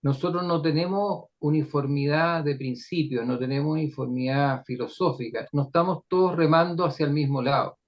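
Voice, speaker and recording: Man on a breaking-up call. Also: a little high. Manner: halting, restarts often. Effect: choppy video call audio breaking up as the signal drops. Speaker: economist presenting to a panel. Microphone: laptop on a video call. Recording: dull lo-fi remote call line.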